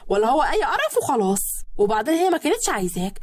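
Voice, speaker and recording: A stubborn, childish young bride with an Egyptian accent, put on by a woman storyteller. Her voice rides high and leaps all over, whining and pouting in fast retorts. The sound is dry and close. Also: very animated, no room sound. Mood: pouty defiant. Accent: Egyptian Arabic. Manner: whiny, pouty, quick retorts.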